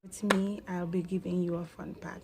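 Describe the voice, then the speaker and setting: A woman's voice: lowish voice, flat delivery, moderate pace, very noisy. A Jamaican woman in her thirties chatting casually through a Q&A vlog, slipping into patois now and then. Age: 30s. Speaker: vlogger.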